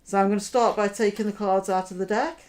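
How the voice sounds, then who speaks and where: A woman magician giving card trick patter, deliberately talking her audience through each step and checking in with questions. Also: medium pitch, fairly even intonation, darkish tone. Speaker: magician, host.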